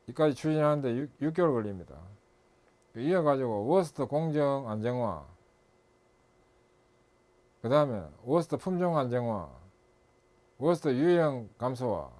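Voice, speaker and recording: A man's voice: mid-range voice, a little mellow. A middle-aged man lecturing as an instructor and consultant, listing steps methodically and correcting himself as he goes.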